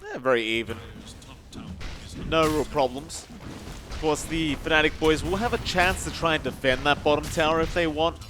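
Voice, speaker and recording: A man commentating an esports match, calling the action quickly and rising in the fights. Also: a little high, background noise. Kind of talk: play-by-play commentary.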